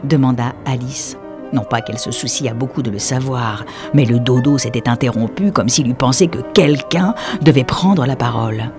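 A woman narrating a storybook as an audiobook reader, in an expressive, measured way. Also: extremely low pitch, over music.

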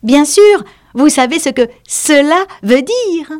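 A woman's voice: sits high, lively intonation, slow, darkish tone, voice pushed up. A woman voicing a small, self-important and touchy mouse in an audiobook reading. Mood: pompous, prickly. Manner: self-important storyteller, prickly. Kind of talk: audiobook character voice.

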